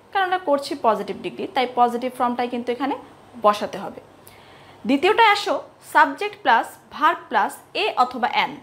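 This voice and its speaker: A woman lecturer teaching a grammar lesson to students. She asks questions, answers them herself and repeats example words slowly. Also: high-pitched, a bit bright. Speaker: English lecturer.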